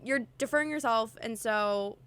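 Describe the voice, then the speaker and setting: Woman cohost chatting loosely, lotsa "like", kinda high voice. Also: moderate pace, fairly bright tone, clean tone. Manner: rambling, lots of "like" fillers. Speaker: podcast co-host. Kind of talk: casual chat.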